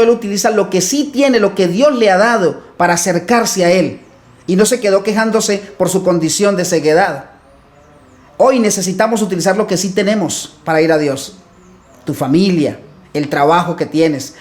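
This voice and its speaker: Man, preacher, high-pitched voice, fervent, addresses the listener directly. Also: darkish tone. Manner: fervent, preaching straight to the viewer. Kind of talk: motivational sermon.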